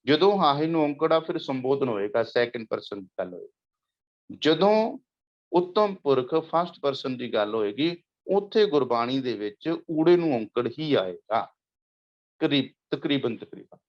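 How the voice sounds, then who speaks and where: A man with a Punjabi accent giving a patient lecture, repeating words and chanting verses slowly. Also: mid-range voice, lively intonation, highs cut off. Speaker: teacher. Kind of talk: lecture on Gurbani grammar with slides.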